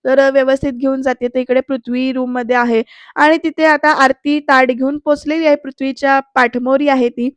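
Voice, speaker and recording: A woman narrating a voice-over recap of a TV serial, telling the story in a lively way and talking straight to her viewers. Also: high-pitched, fairly quick, clear, resonant tone, no echo.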